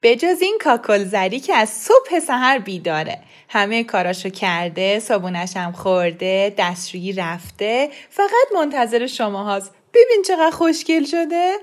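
A woman's voice: a little high, sing-song. A woman voicing a doting old grandmother. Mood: affectionate, cheerful. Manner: cheerful, affectionate teasing. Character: warm elderly grandmother figure, doting on the boy.

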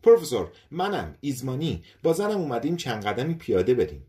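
A man voicing a calm husband who reassures his wife, in an audiobook story. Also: deep voice. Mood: polite.

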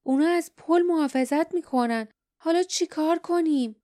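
A woman voicing a steady grown male warrior in an audiobook, tense and insistent. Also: sits high, clean tone, voice pushed up, natural voice. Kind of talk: audiobook dialogue.

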